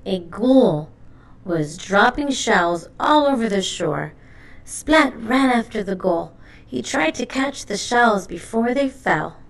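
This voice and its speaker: A woman's creaky, mid-range voice carries a children's storybook reading, delivered with expressive, deliberate narration.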